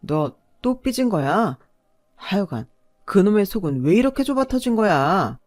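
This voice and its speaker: A woman voicing a scornful, pushy young husband who nags and sneers, a little louder than her narration, in a storytelling drama. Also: mid-range voice, sing-song, measured pace, no room sound, studio quality, pitched above the performer's own voice. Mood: sneering.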